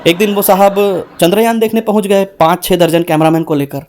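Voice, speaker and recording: A man's voice: a little fast, some chatter behind, a little hiss or hum. A young man performing a stand-up comedy set, acting out characters with big swings in his voice. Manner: animated, acts out characters with shifting pitch.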